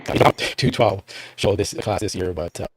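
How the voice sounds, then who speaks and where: A man's voice: sits low, steady tone, noisy background. A man hosting a casual chat over a video call, his connection breaking up so his speech drops out and trails off. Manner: halting, trailing off mid-sentence. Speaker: host.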